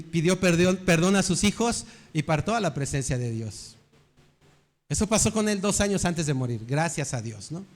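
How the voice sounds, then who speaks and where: An older man, preaching a sermon with earnest rhetorical questions. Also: high voice. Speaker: pastor.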